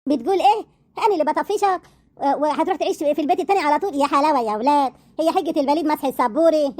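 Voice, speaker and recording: A woman's voice: sits high, natural voice. A woman playing a bitter, mocking Egyptian wife. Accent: Egyptian Arabic. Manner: scornful, mocking, quick retorts. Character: bitter, sharp-tongued wounded wife. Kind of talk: amateur audio drama.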